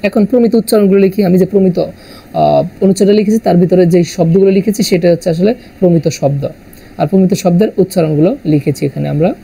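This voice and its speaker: A man from Bangladesh explaining exam answers as a teacher, halting often with "ah" fillers and correcting himself mid-word. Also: high-pitched, vocal fry, dark tone, breathy edge, poor audio. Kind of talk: exam answer walkthrough lesson.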